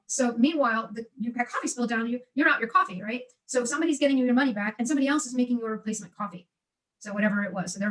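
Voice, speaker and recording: A woman's voice: on the high side, far from the mic, poor audio. A woman who sells online, talking casually and animatedly, often acting out what she and her customers say. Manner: animated, acts out customers and herself in quotes. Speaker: guest seller. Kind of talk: casual conversation.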